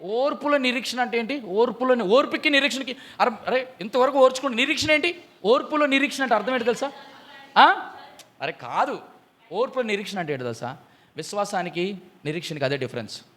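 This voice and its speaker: A man preaching a Bible study sermon, often putting questions to his listeners and swinging from loud exclamations to low, quiet emphasis. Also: lively intonation, a little fast. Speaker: pastor.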